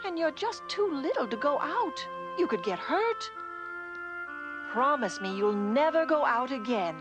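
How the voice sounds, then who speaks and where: A woman playing a worried, protective, motherly guardian in an animated cartoon, tender and cautioning. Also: sits high, a little slow, highs cut off. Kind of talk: animated cartoon character acting. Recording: music behind, VHS cartoon soundtrack.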